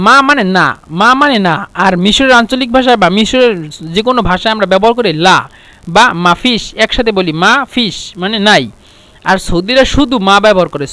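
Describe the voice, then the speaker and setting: High-voiced man teaching Arabic phrases. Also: bright, forceful tone, no room sound. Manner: explains phrases by repeating them slowly with hesitations. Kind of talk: casual spoken lesson.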